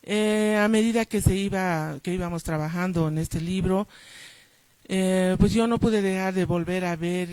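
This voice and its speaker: A woman co-editor giving a formal book launch speech, measured and full of hesitant fillers. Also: lowish voice, warm tone, dry recording, rough recording. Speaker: book co-editor and former program director.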